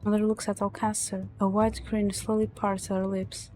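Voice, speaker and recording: A woman's voice: medium pitch, flat delivery, normal speed, a little mellow, faint music behind. A woman streamer reading story narration aloud from a visual novel, dramatic but stumbling over words now and then.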